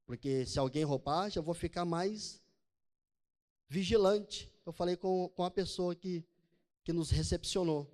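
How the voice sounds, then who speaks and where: A male pastor, giving a sermon with a personal testimony, slow and emphatic, then soft as he tells the story. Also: sits high.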